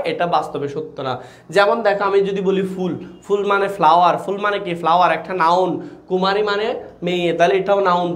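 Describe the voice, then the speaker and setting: A young man teaching a live online grammar class, quick and chatty, repeating questions to his students. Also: sits high. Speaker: online tutor.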